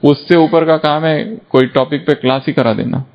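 A man's voice: fairly high pitch, steady tone, moderate pace. A man giving an earnest, instructive spiritual talk, repeating points and telling stories to make them. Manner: earnest, repetitive, storytelling. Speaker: spiritual teacher. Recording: dull lo-fi recording.

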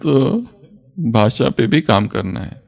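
A man's voice: medium pitch, expressive, takes it slowly, gravelly, darkish tone. Man giving a spiritual class, quizzing listeners. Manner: asks the listeners questions and answers them himself; chuckles often while explaining. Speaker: spiritual teacher.

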